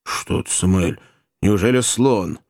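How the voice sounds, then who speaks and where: A man's voice: low voice, takes it slowly, darkish tone, no echo, clean studio sound, exaggerated voice. A man voicing a skeptical male hunter who speaks in a doubtful, grumbling way.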